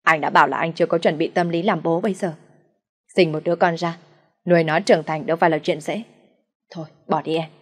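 A woman reading the lines of a cold young husband who wants no child, in a flat, dismissive voice. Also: low-pitched, fast talker, long reverb tail.

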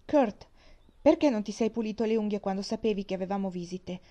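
A woman's voice: mid-range voice, brisk, warm tone, natural voice. A woman voicing a bossy, indignant young farm girl who scolds sharply in a storybook reading.

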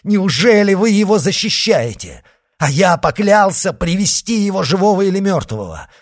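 A man's voice: fairly high pitch, lively intonation, fairly quick, dry recording, studio quality, pitched above the performer's own voice, lightly acted. A man voicing a hot-tempered young Gascon swordsman who speaks in impassioned exclamations. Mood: anguished.

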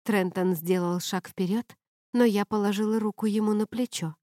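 A woman reading a first-person novel as an audiobook narrator, in a steady, even way. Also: mid-range voice, moderate pace, no room sound, studio quality.

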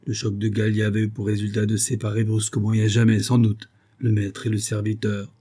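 A man narrating a classic novel as an audiobook in a measured storytelling manner. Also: on the low side, completely flat delivery, mellow, breathy edge.

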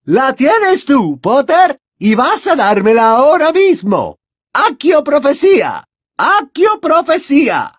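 A man voicing a fanatical female witch in an audiobook, shrill and screaming. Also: huge pitch swings, slow pace, dry recording, clean studio sound, exaggerated voice. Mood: shrieking. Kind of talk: audiobook character voice.

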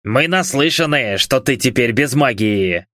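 A man voicing a burly, sullen male labourer who mutters gruffly. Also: medium pitch, expressive, a little slow, pushed and bright, no room sound, studio quality. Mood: defiant.

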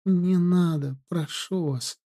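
A terrified, dying young woman begging for help, a man putting her on with a raised, breathy, husky voice. The pleas are faint, in a dark audiobook. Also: high-pitched, measured pace, pitched above the performer's own voice. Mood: pleading, terrified. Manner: breathy, pleading.

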